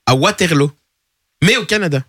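A playful male radio co-host whose pitch jumps around a lot as he talks. He runs a quiz and banters in a loose studio chat, with a slightly higher voice than most men. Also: animated, moderate pace, sharp tone. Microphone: studio microphone.

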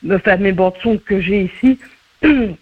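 A woman's voice: medium pitch, measured pace, husky. A woman with a Liège accent, a singer on a phone call, speaking politely in long rambling sentences. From Belgium. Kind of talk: phone conversation.

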